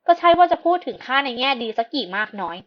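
A woman playing a sharp-tongued woman doctor. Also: a little high, normal speed, muffled recording, lightly acted. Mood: retorting. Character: quick-witted woman doctor, prince's wife.

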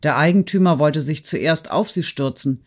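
A man reading a classic novel aloud in steady, measured audiobook narration. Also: on the high side.

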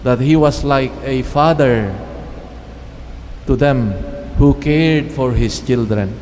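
Slow-speaking priest in a reverberant church. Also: male voice, mid-range voice, darkish tone, slight background noise. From Philippines. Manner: measured, halting phrases with pauses. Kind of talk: homily at Mass. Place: church chapel. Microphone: standing mic at lectern. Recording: long church reverb, faint ambience.

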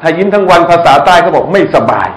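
A middle-aged man giving a lively sermon to a live audience, often asking them questions and joking. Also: high-pitched, fast, poor audio. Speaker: Islamic lecturer. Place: restaurant hall, live audience.

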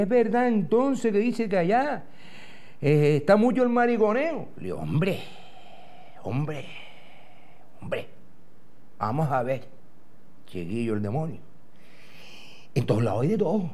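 Speaking with slow pacing and long pauses, this high-pitched, warm-toned man lets his pitch swing widely. He's a middle-aged Gran Canaria native with a Canarian Spanish accent, performing an in-character comic monologue as a TV host: a rambling, profane story where he voices the other characters. A lapel mic captures him in a TV studio before a backdrop.

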